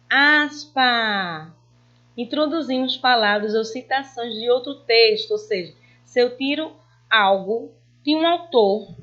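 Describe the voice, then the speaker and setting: Slow, patient woman teacher. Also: medium pitch, a bit bright, lo-fi sound. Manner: slow, patient, reads examples with drawn-out emphasis. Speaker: primary school teacher. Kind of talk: online lesson for children.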